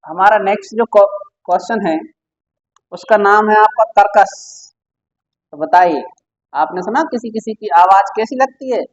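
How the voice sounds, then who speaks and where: Guy with a high voice running an exam prep word lesson, keeps asking and answering himself, sound kinda dull and muffled. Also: normal speed, pauses often. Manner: quizzing the listener with repeated questions. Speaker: teacher.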